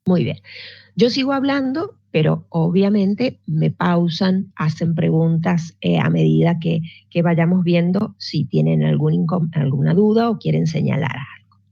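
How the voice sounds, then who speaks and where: Teaching an online physics lesson, a woman with a fairly low, gravelly voice speaks unhurriedly. She explains with patience, restarting often and checking in with students. There's no echo, though the sound is dull and lo-fi.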